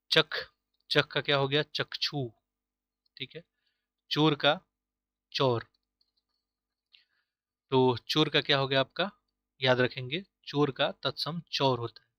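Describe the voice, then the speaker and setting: This man's medium-pitched voice comes across bright and forceful in a muffled recording with no room sound. He's teaching Hindi for an exam in an online prep lesson, quizzing himself and repeating each answer to drill it in, while dropping English words like "easily", "correct" and "option" into his Hindi.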